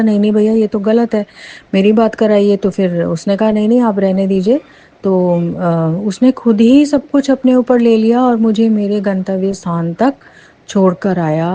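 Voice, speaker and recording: A middle-aged woman telling a personal devotional testimony in an earnest storytelling way that rises with excitement. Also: mid-range voice.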